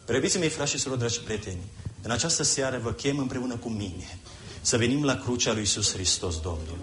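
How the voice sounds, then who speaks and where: A man's voice: medium pitch, a bit bright. A man preaching a sermon in an impassioned, emphatic way, repeating phrases for effect.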